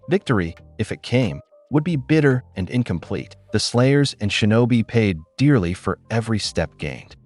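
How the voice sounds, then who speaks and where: A man narrating a scripted action story in a dramatic storytelling manner. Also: mid-range voice.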